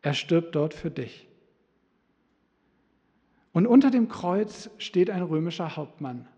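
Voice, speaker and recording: A man preaching a sermon in a church service, fervent, swinging from hushed to loud. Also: on the high side, expressive, slow, muffled recording. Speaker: pastor. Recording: long reverb of a hall.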